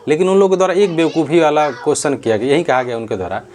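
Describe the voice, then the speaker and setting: A man's voice: a little high, very fast, a little mellow, slight background noise. A man giving earnest, unscripted commentary on a social issue, repeating himself and restarting sentences. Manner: earnest, repetitive, frequent restarts. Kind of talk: casual spoken commentary.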